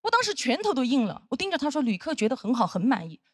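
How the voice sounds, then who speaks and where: A young woman telling a stand-up comedy story on stage, lively and playful, jumping into voices for the people she quotes. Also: high voice, fast, husky, no echo, clean studio sound. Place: comedy stage with live audience.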